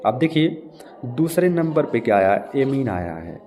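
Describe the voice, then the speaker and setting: A man's voice: medium pitch, big pitch swings, unhurried, dark tone, soft background music. A man teaching a chemistry class, explaining step by step and often checking that students follow. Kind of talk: classroom lecture. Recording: long reverb, faint room noise.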